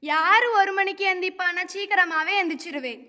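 A woman's voice: extremely high pitch, a little fast, pushed and bright, big-room sound. A woman playing a stubborn, withdrawn teenage daughter who answers in blunt, pouting, childish retorts. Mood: sulky. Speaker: daughter at counseling. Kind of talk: amateur comedy stage acting.

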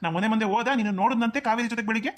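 A woman's voice: a little high, fairly even intonation, rapid-fire, close to an everyday voice. A woman voicing a kind but worried middle-aged uncle in a cartoon who frets and fusses. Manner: fretful, fussing, kind. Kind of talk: cartoon voice acting.

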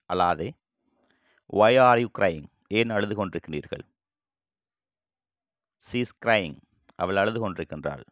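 A man teaching English vocabulary, saying each phrase slowly and then repeating it in translation. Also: sits low, no echo, highs cut off. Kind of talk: bilingual vocabulary lesson.

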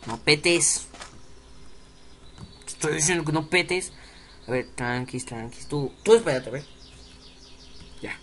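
A man's voice: on the high side, slow, pauses often, slight background noise. A young man giving jokey, chatty commentary while playing a game and talking to the characters on screen. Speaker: let's play gamer. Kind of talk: casual gameplay commentary.

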